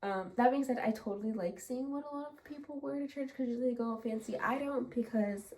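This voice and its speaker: A woman's voice: a little high, fast talker, a little mellow, a little hiss or hum. A woman vlogging from her home in a casual, rambling chat full of fillers, a bit out of breath. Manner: chatty and rambling, with many fillers. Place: home, indoors.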